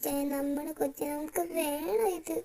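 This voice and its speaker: A woman voicing a young pregnant wife in a fan audio drama, soft-spoken but insistent. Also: sits high, normal speed. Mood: pleading softly.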